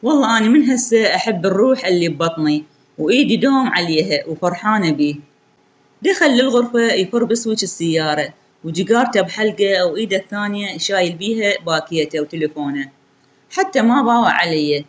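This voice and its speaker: A woman's voice: mid-range voice, expressive, fast talker, dull audio. A woman with an Iraqi accent telling a sorrowful story in the first person, in an intimate way.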